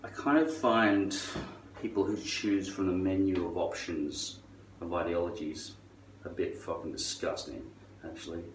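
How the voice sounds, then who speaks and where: A middle-aged man with a low voice rambles through a sardonic, foul-mouthed rant. He drags some words out and punches others. He sounds distant from the microphone, with roomy echo around him. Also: fairly even intonation, unhurried. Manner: sardonic, profane. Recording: distant mic, roomy echo, faint noise.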